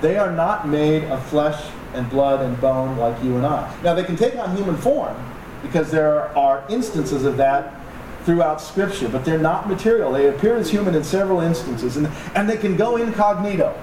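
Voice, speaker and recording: Delivering a sermon at a moderate pace, this pastor uses a slightly high, expressive voice and keeps things conversational, cracking jokes and addressing the audience directly. The room echoes, the mic sits far away, and there's plenty of noise.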